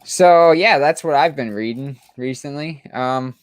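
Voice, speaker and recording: A man's voice: medium pitch, a little slow, clear, resonant tone, dry recording. A man co-hosting a comic book chat show, talking casually and enthusiastically with lots of restarts and fillers.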